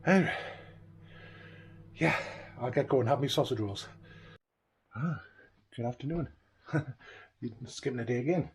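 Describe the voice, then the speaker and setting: A man's voice: mid-range voice, a little slow, long pauses. A middle-aged man, chatting casually in a home video diary and often trailing off mid-sentence. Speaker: vlogger. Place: living room at home.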